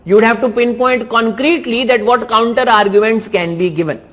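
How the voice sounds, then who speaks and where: A teacher with an Indian English accent reviews exam answers in a lesson, repeating key phrases for emphasis. His voice is extremely high-pitched, fairly quick, and fairly bright in tone.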